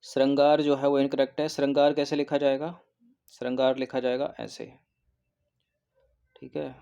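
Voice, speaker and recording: A man's voice: medium pitch, flat delivery, gravelly, dark tone. Man teaching a recorded Hindi exam-prep lesson. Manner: explanatory, repeats words slowly and adds "ठीक है".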